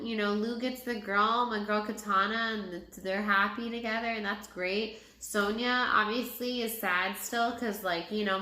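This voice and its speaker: A woman's voice: medium pitch, bright, forceful tone. Tipsy, rambling woman in an echoey room. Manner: tipsy, rambling, repeating herself. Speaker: movie reviewer. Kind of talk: casual rambling film review chat.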